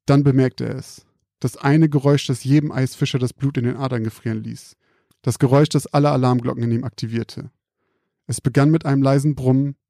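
A man calmly reading out a scripted spooky story in a measured, quiet storytelling manner. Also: medium pitch, no room sound, studio quality.

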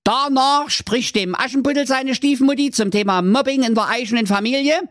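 A man's voice: extremely high pitch, fairly bright tone, no room sound, studio quality, pitched above the performer's own voice. Man doing a sugary wicked stepmother. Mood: mock-sweet. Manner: brisk, mock-sweet announcer tone. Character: scheming wicked stepmother chairing a conference.

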